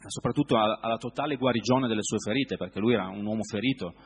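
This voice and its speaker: Low, husky man preaching in a reverberant space. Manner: reflective, searching for words with many pauses. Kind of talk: sermon.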